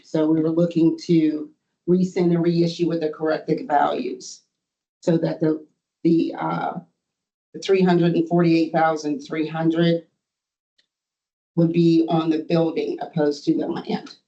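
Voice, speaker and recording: A board administrator reads out a formal report in a halting, procedural way. The voice is mid-pitched and very mellow, and the meeting audio sounds muffled. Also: little pitch movement.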